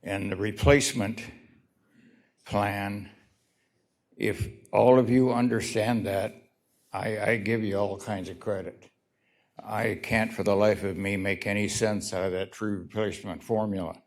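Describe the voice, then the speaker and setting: In a council chamber, a man speaks into a podium microphone during a city meeting, delivering a halting but pointed public comment. His voice is lowish and his tone stays steady.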